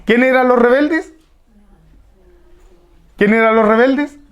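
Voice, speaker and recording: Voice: mid-range voice, slow. Preacher repeating key phrases. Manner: repeats key phrases and asks the audience rhetorical questions. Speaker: Bible teacher at a church. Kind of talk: expository Bible study sermon.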